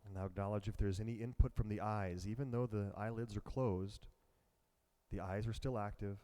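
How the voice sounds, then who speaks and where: A man with a lowish, mellow voice leads a guided meditation. He talks slowly and softly, in calm, measured instructions. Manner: slow, calm and soft-spoken. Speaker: meditation teacher.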